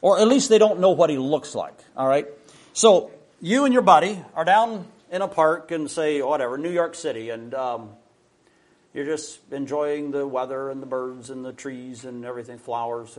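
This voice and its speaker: A man's voice: a little high, expressive, moderate pace. A man preaching a sermon, telling stories in a conversational way with frequent restarts.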